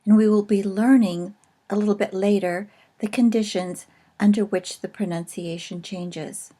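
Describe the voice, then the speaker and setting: A woman teaching in a recorded video lesson, explaining slowly and carefully with pauses. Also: mid-range voice, steady tone, warm tone.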